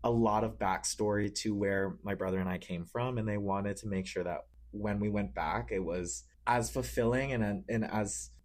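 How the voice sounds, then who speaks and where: Young male guest, lowish voice, relaxed and chatty, filler-heavy. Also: normal speed, hardly any pauses. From Cambodia. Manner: relaxed, frequent fillers, laughs easily. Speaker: interview guest, marketing manager. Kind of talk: casual interview.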